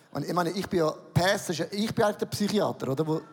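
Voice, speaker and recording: A man's voice: high-pitched, a little fast, slightly rough. A middle-aged man with a Swiss German accent, preaching a sermon and telling a self-mocking story with humor and acted-out dialogue. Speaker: pastor. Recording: reverberant hall.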